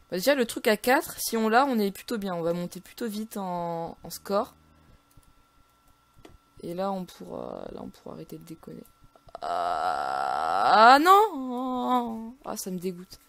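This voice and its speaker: Excitable French woman narrating her gameplay. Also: on the low side, moderate pace, creaky, pauses often. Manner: excitable, frustrated outbursts, many restarts. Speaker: gamer commentating her play. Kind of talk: casual let's-play commentary.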